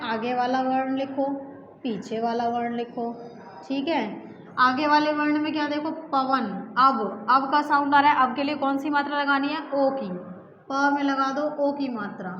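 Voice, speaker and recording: A woman with a high voice works slowly through a grammar lesson. She repeats each example with patience and checks in with her students as she goes. The sound is dull and echoey, as if recorded in a bare room, with a faint hiss behind her. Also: a bit bright. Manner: patient, repetitive, checks in with 'okay' often. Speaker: teacher. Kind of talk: exam-prep grammar lesson.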